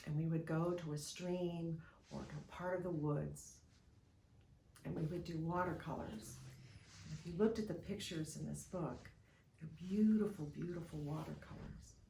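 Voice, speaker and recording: A woman gently and expressively reading a children's picture book aloud, with a roomy echo. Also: deep voice, steady tone, moderate pace, creaky, a little hiss or hum.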